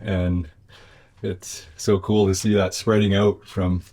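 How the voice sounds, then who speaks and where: Male interview guest, business owner type: deep, level voice, reflective and conversational, feeling out his words. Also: flat delivery, slow, dark tone.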